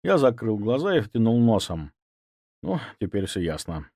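A man narrating an audiobook in an expressive storytelling manner. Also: fairly low pitch, normal speed, breathy edge, no echo, studio quality.

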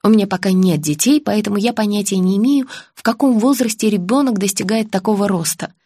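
A young woman narrating a first-person audiobook in a lively storytelling voice and voicing the dialogue. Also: mid-range voice, a little fast, slightly rough, no echo, studio quality.

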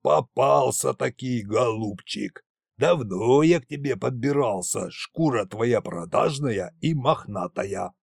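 A gruff old undead tsar who booms his threats slowly and playfully, more mischief than menace, as a man puts him on in a storybook. The lines come out drawn out and lower. The recording is dry and close. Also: lively intonation, no echo, heavily acted. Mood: mock menacing. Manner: slow, mock-menacing booming.

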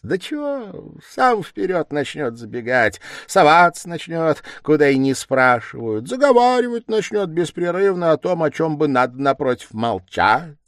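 A man's voice: fairly high pitch, sing-song, a little slow, few pauses, no room sound, clean studio sound, pitched above the performer's own voice. A man voicing a sly, fussing middle-aged investigator in an audiobook, cooing and mocking. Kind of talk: audiobook character reading.

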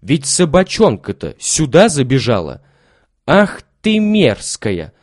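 A man's voice: medium pitch, huge pitch swings, takes it slowly, no echo, clean studio sound, full character voice. A man voicing an angry female servant who shrieks and scolds in a storybook reading. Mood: furious. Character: furious, shrill old female servant.

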